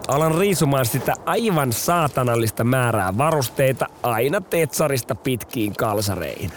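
A man's voice: medium pitch, animated, slight background noise. A man hosting a storytelling podcast, narrating in a casual, slangy way.

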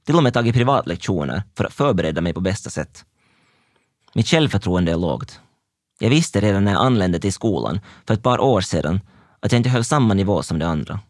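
Young male narrator, intense and introspective, dry close sound, animated delivery. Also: on the low side, dry recording. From Finland. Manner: intense, introspective present-tense telling. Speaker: dancer telling his own story. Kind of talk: scripted first-person narration.

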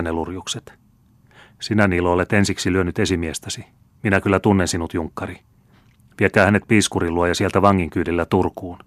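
A man's voice: low-pitched, a bit bright, no echo. A man voicing a harsh, scornful middle-aged estate bailiff who berates and commands his workers in a stern, clipped way.

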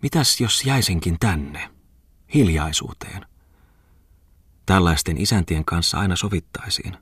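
Man voicing a musing artist, murmuring to himself, low, husky. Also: lively intonation, a bit bright, no echo, clean studio sound, heavily acted. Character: young-ish male artist traveller, wry.

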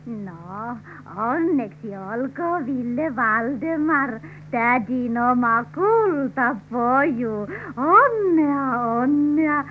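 Brief: high-voiced, doting old aunt on a thin, hissy old radio play. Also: female voice, lively intonation. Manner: fussing, sentimental. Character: doting fussy elderly aunt. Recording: tinny old radio recording with hiss.

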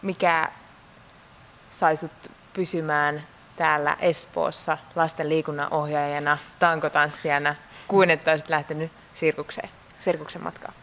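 A woman interviewer asking measured, direct questions. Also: deep voice, flat delivery, a bit bright, slight background noise.

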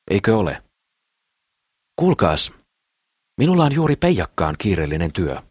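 A man voicing a cheerful, eager young businessman in an audiobook, speaking in an excited, pleading way. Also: low voice, slightly rough, no room sound, clean studio sound, exaggerated voice.

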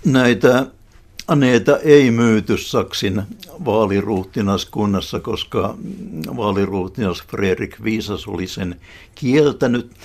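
Low-voiced man explaining history. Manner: measured, with hesitant fillers. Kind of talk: explanatory discussion.

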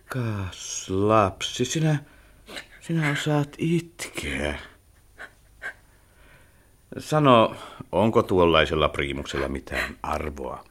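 A stern old architect. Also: male voice, deep voice, very animated, long pauses, heavily acted. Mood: gentle. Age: older. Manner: commanding, then wistful and gentle. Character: aging male architect, stern yet tender. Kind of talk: radio play acting.

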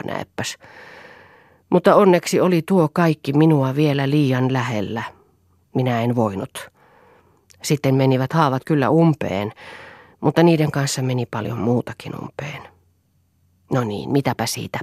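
A woman's voice: extremely low pitch, darkish tone, dry recording, studio quality. A woman voicing a brooding, bitter male writer who speaks in a confiding, world-weary way.

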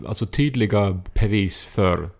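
Gravelly, low-voiced male podcast co-host. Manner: thoughtful anecdote-teller, hesitant with filler sounds. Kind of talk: casual podcast chat.

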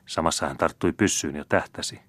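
A man reads a classic novel aloud in a measured, steady storytelling voice. His voice is deep and low. The sound is dry and close, with no room around it. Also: no room sound. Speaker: audiobook narrator. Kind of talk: classic novel audiobook narration.

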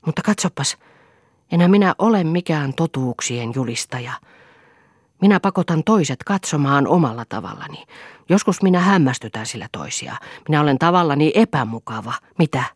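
A woman's voice: low-pitched, big pitch swings, slightly rough, dry recording, studio quality, exaggerated voice. Woman reading a sulky, boastful husband. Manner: sulky, boastful, raises voice in outbursts. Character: moody, self-pitying adult husband. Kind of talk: audiobook character reading.

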